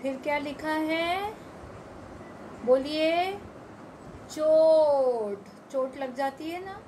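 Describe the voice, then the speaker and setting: Slow, high-voiced woman teacher. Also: slight background noise, low-quality recording. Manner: slow, drawn-out word-by-word pronunciation drills. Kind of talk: Hindi phonics lesson for young children.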